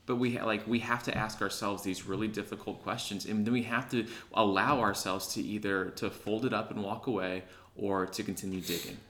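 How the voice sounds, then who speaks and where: A man's voice: fairly low pitch, fairly even intonation, brisk, hardly any pauses, fairly bright tone, slight background noise. A man co-hosting a podcast, talking earnestly and reflectively in casual chat, often checking in with his listener. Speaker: podcast co-host.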